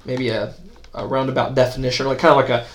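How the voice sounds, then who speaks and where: A man in his mid-twenties hosts a podcast and chats loosely with his guest. He leans on "uh" and "like" as he goes. His pitch sits right in the middle. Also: level tone, fast talker. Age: 20s. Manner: loose and chatty, with frequent "uh" and "like" fillers. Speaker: podcast host, youth pastor. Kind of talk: casual interview chat.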